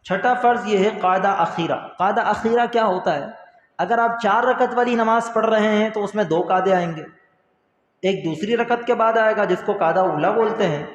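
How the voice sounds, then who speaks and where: A man with a high voice teaches a religious lesson in earnest, asking questions and then answering them, and repeating each key point. He calls his listeners brother. The recording is echoey, with a long hall reverb. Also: highs cut off. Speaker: Islamic teacher.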